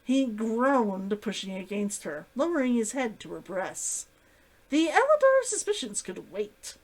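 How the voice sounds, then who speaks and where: Animated woman reading fiction aloud. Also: on the high side, a little slow, rough recording. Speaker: streamer reading a novel aloud. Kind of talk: expressive storybook narration of prose fiction.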